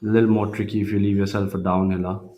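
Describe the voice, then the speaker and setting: A man with a fairly low voice delivers golf commentary for a telecast. He talks through each shot in a measured, analytical way, pausing now and then to find his words. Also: level tone, mellow.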